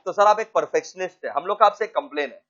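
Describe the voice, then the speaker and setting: A man's voice: sits high, quick pace, bright, forceful tone. Man doing a student politely complaining to teacher. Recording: dull lo-fi recording.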